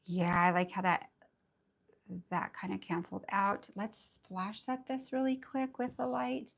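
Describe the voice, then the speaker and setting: A woman with a raspy voice, under the weather, teaching nail art in a bubbly, chatty live tutorial. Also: medium pitch, flat delivery, unhurried, a bit bright. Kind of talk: casual live tutorial chat.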